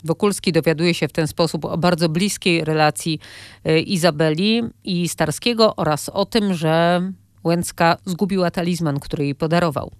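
A woman radio presenter reading a scripted introduction, calm and matter-of-fact. Her voice sits a little low, and the sound is dry and close. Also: no echo. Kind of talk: scripted announcement.

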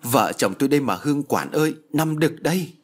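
A man's voice: fairly high pitch, animated, fairly quick, husky, voice pushed up. A man voicing a desperate peasant father who pleads urgently. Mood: pleading.

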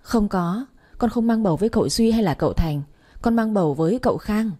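A woman's voice: mid-range voice, animated, warm tone, natural voice. Woman voicing a brazen young servant girl. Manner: unhurried, defiant replies.

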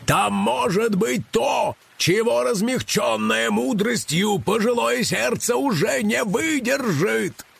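Storybook: sentimental old raven musician, theatrical, raised voice, gravelly edge, put on by a male narrator. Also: on the high side, huge pitch swings, moderate pace, fairly bright tone, dry recording, full character voice. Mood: alarmed. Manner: theatrical, sighing, dramatic outbursts.

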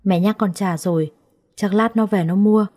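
A woman voicing an older mother-in-law who talks in a brisk, practical way in a storybook reading. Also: mid-range voice, warm tone, close to an everyday voice.

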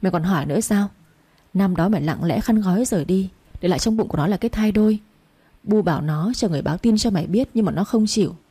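A woman voicing an aging peasant mother who scolds her son quickly and tearfully. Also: mid-range voice, mellow, husky, close to an everyday voice. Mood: scolding.

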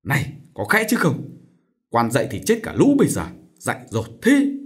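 A man voicing a frightened old male servant who speaks hurriedly and in hushed tones. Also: medium pitch, wildly swooping pitch, moderate pace. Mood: anxious.

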